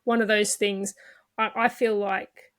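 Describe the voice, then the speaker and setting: A woman's voice: medium pitch, flat delivery, a little slow. A woman hosting a podcast interview, chatting in an empathetic, casual way. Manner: empathetic, chatty, laughs often. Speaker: podcast host.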